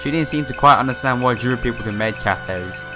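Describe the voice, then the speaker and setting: A man with a medium-pitched, brisk voice reads a visual novel's text aloud during a casual let's play for his gaming channel. He trips over some words and makes side comments as game music plays in the background.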